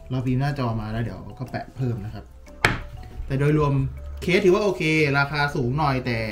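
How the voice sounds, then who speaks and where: A man talking casually as he unboxes and reviews a tablet case, thinking aloud with lots of fillers. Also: mid-range voice. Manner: relaxed, chatty, thinking aloud with many fillers.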